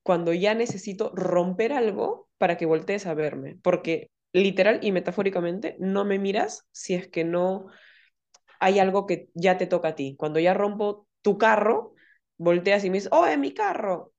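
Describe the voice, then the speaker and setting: A woman therapist speaks in a relaxed podcast conversation. Her voice sits at an ordinary middle pitch, and she often slips into quoted lines to show how people talk. The recording is slightly dull and muffled. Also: normal speed. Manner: explanatory, acts out quoted dialogue in lively voices.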